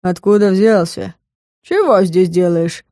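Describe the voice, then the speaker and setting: A woman voicing hulking, gruff male thugs, speaking slowly. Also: fairly low pitch, expressive, mellow, no echo, clean studio sound. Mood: demanding.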